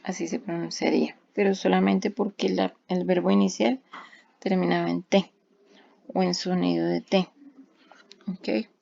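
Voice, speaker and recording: Gravelly-voiced woman teaching English grammar. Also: lowish voice, fairly even intonation, measured pace, pauses often, warm tone, no echo. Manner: patient, step-by-step with rhetorical questions. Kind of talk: explaining grammar rules. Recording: dull lo-fi recording.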